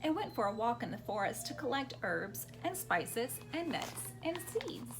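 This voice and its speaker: A woman reads a story aloud to young children in a sing-song, fairly high voice at a moderate pace. She is expressive and interactive, prompting the children to join in with questions and sound words.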